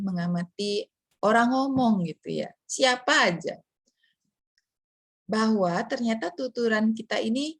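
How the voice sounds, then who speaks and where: A woman's voice: a little high, no echo, studio quality. A woman giving a casual lecture, chatty, asking rhetorical questions and acting out short examples.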